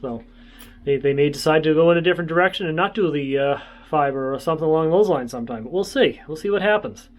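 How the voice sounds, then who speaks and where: Male travel vlogger, a touch high in pitch, informal and easygoing, wanders as he talks. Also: fast talker, muffled recording. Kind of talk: casual vlog chat.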